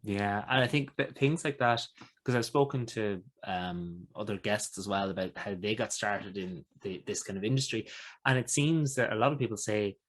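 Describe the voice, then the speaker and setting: A man's voice: on the low side, moderate pace. A man with an Irish accent, hosting a podcast with introductions and conversational interviewing.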